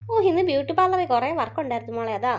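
A woman voicing a busy mother who runs a beauty parlour, talking in a brisk, chatty way. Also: high-pitched, lively intonation.

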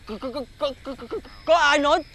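A man's voice: extremely high pitch, fast, bright, forceful tone, a little hiss or hum. A man playing a brusque, mocking incense seller in a TV fairy-tale drama.

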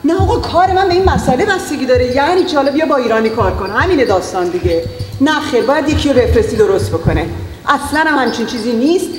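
A woman's voice: high voice, expressive, hardly any pauses, far from the mic, faint music behind. A woman playing a short-tempered scolding mother. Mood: angry. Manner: shouting, harsh commands. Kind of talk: acted parenting skit. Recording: roomy echo, long reverb, faint noise.

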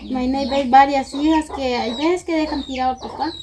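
A young woman with a very high voice hosts casually outdoors. She talks to camera in a covered rural yard, with clear background noise of chickens and birds. The mic is a few steps off. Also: fairly even intonation, fairly quick. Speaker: charity channel host delivering food aid. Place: open-air covered yard of a rural house. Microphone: camera a few steps away. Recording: noisy outdoor camera audio, roosters and birds.

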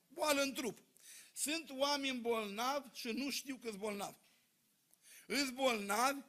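A man preaching a sermon in church, telling folksy stories to his congregation with lively energy. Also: very high voice. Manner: folksy, animated storytelling to a congregation.

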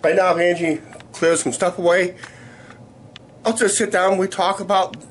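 A man in his fifties chatting casually to camera in a rambling, halting way, his voice weak and sore after illness. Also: high voice, little pitch movement. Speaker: vlogger. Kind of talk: casual video diary chat. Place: small living room, indoors. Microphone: camera at arm's length. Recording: noisy room ambience on camera mic.

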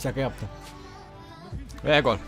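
A young man giving live gameplay commentary on a football video game, excitable, talking to the players on screen and repeating his words. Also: mid-range voice, slow pace, soft background music. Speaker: gaming YouTuber.

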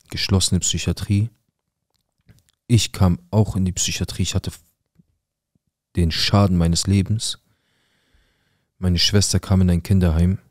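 A man's voice: deep voice, darkish tone, dry recording, clean studio sound. A young adult man telling his own painful life story in an intense, blunt, emotional way. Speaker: storyteller sharing a personal story. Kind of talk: personal storytelling.

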